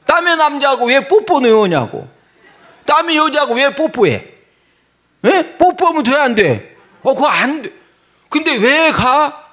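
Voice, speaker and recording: Male pastor, sermon, high voice, swooping lively pitch, comic. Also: measured pace, pauses often. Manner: animated, comic, calls out to the congregation.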